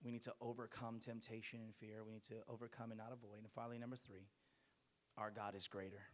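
A man's voice: lowish voice, level tone, quick pace. A man preaching a sermon to a congregation, exhorting them emphatically with rhetorical questions and repeated phrases.

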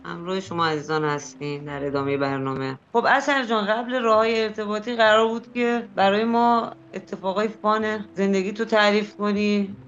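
A woman co-hosting a talk radio show, talking in a relaxed, direct, conversational way. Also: medium pitch, highs cut off. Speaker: co-host.

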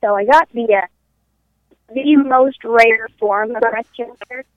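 A woman's voice: a little high, slow pace, no room sound. A woman in her twenties speaking as a podcast guest over a conference call phone line, upbeat and candid. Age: 20s. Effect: heard over a conference call phone line. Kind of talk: casual interview talk. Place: at her parents' house. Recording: tinny phone line, dry.

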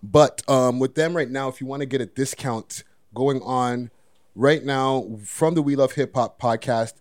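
A man's voice: medium pitch, measured pace, darkish tone, no echo, studio quality. A man hosting a podcast in casual, slangy talk, often repeating his phrases. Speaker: podcast host.

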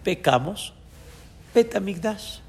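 Man, Mexican accent, rabbi teaching a Torah class, gravelly voice, lively, long hall reverb. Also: high-pitched, takes it slowly, slight background noise. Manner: lively, acts out people's thoughts, chuckles often. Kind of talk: Torah lesson on a biblical book.

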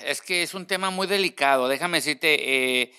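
A man's voice: on the high side, normal speed, sharp tone, clean tone. A man co-hosting a casual talk show, thinking aloud with hesitant fillers and frequent backchannel replies. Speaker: podcast co-host. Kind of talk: casual chat.

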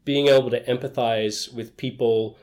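A middle-aged man with an Australian accent talks through his background as an interview guest. He speaks in a relaxed, enthusiastic way, with a voice of middling pitch. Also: normal speed. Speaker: guest, HR executive. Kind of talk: conversational interview.

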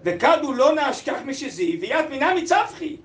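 A man's voice: very high-pitched, sing-song, echoey room. A man teaching a text-study lesson, reading old sources, translating them aloud and putting questions to the class.

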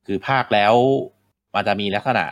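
A game podcast host talks casually about video games, rambling with lots of fillers and restarts. He speaks at a normal speed in a voice that's a bit bright.

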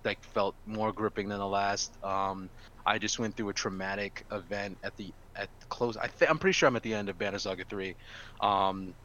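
Brief: male podcast co-host, animated and profane storyteller, low, bright voice, lo-fi sound. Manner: animated storyteller, swears freely. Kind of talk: casual podcast chat. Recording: dull lo-fi audio.

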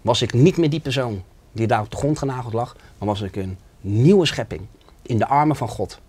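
A man's voice: medium pitch, normal speed, a little mellow, breathy edge. Man, interview guest, earnest and emotional personal testimony.

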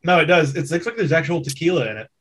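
Male, bright forceful voice, blunt sweary co-host in loose banter with friends. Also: fairly high pitch, lively intonation, fast, slight background noise. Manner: profane, blunt. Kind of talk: casual banter among friends.

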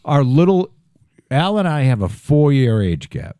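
A man's voice: mid-range voice, sing-song, moderate pace, dark tone, clear, resonant tone, dry recording, clean studio sound. A man in his fifties co-hosting a podcast in casual chat, rambling and swearing as he goes. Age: 50s. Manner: profane, rambling, trailing off. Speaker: podcast co-host.

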